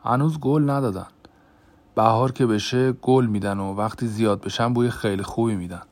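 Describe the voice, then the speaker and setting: A man voicing a brooding adult man who bluntly reveals a dark family secret, in a tense, raised voice, in an audiobook. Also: medium pitch, dry recording, natural voice.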